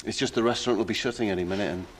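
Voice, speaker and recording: A man's voice: on the low side, racing, slight background noise, close to an everyday voice. An actor playing a bewildered, awkward man in an audio drama. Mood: puzzled.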